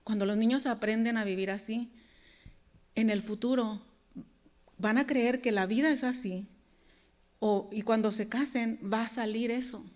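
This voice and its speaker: Woman, preacher, sermon, earnest, conversational, higher pitch. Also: darkish tone. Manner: earnest, conversational, addresses the congregation directly. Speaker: preacher and worship leader.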